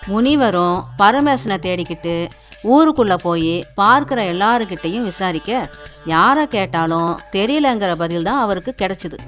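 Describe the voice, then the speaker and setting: A woman's voice: mid-range voice, lively intonation, moderate pace, fairly bright tone, soft background music. A woman narrating a cartoon folk tale in a storyteller's manner, with a Tamil accent.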